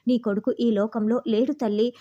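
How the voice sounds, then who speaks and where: A woman's voice: on the high side, steady tone, normal speed, dark tone, lightly acted. A woman reading a pompous fake swami. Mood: solemn. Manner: solemn, pompous. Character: fake holy man, pompous male swami. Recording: slightly dull recording.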